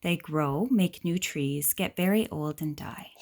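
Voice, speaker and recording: A woman whose voice sits low reads aloud from a children's picture book, going a little slowly. She takes a soft, explaining tone and mixes in questions and asides aimed at young listeners.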